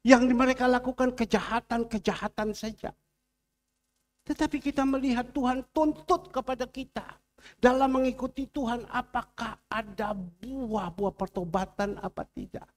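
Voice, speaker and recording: A man's voice: very high voice, fairly even intonation, moderate pace. A man preaching a sermon as pastor in a church, telling a story and acting out its dialogue. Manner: storytelling with acted-out dialogue, rising and falling emphasis.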